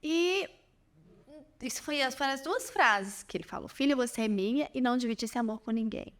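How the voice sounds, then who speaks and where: Young woman, high-pitched, earnest personal testimony. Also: lively intonation, normal speed. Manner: earnest storytelling, addresses listeners as "gente". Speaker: podcast guest.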